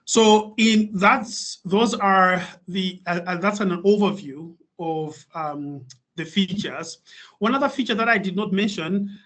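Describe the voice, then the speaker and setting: Malawian man, guest webinar speaker, slightly high voice, halting and filler-heavy, video-call audio. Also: fairly bright tone. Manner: hesitant, many fillers and restarts. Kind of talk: webinar presentation.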